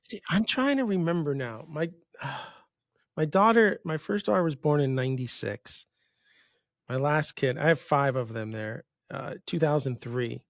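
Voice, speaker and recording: Hosting a relaxed podcast interview, a fiftysomething New Yorker spins meandering stories and keeps interrupting himself. He speaks unhurriedly in a slightly high voice, with clean studio audio and no room sound.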